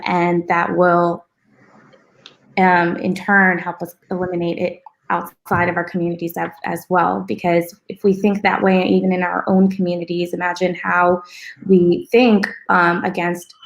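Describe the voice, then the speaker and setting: A woman's voice: fairly low pitch, little pitch movement, unhurried, creaky, lo-fi sound. A young woman on a panel making firm, emphatic points, with frequent ums. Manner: firm, emphatic, filler-heavy. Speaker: panel guest. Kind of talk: casual panel discussion.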